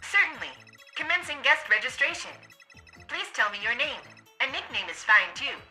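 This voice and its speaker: A woman's voice: sits high, very animated, moderate pace, over music. A woman putting on a stiff robot voice to play a cheerful female guide robot, with clipped, stilted delivery. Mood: eager. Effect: robot voice, put on without filter. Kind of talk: let's play voice acting.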